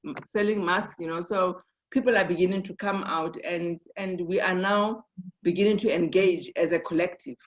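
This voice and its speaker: A woman's voice: on the low side, steady tone, normal speed. A woman sharing her experience in a group discussion, thoughtful, with many fillers and restarts. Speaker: conference participant. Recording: dull lo-fi online call audio.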